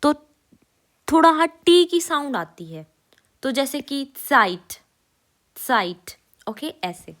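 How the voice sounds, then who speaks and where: Brief: female teacher, unhurried, slightly high voice, repeats sounds for learners. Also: sing-song, fairly bright tone. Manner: repeats each sound slowly and clearly for learners. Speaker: German teacher. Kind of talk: casual spoken lesson.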